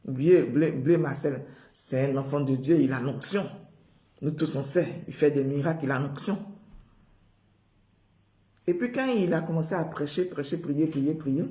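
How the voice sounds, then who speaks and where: A man speaks in a preaching style, his voice pitched a little high yet mellow in tone. He drives his points home by repeating words again and again. The sound carries an echoey room around it. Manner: repetitive, emphatic phrasing.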